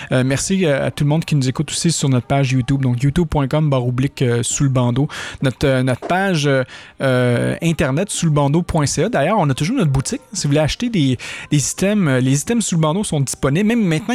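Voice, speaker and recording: A Québécois man hosts a casual podcast from his studio. His voice sits a touch high, and he rambles along in chatty talk, his pitch jumping up with bursts of enthusiasm. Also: darkish tone. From Quebec. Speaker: podcast host.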